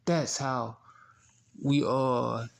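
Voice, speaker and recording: Slow, gravelly-voiced male preacher. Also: medium pitch, steady tone. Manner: repetitive, asks rhetorical "what?" questions; halting, many restarts and fillers. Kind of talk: scripture teaching sermon.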